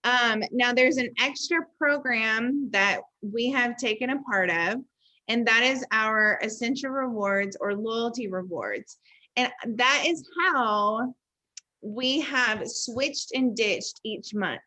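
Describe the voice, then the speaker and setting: Bright, chatty woman host. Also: on the high side, takes it slowly, rough recording. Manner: enthusiastic, chatty, many fillers. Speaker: host presenting product kits. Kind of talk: casual sales chat.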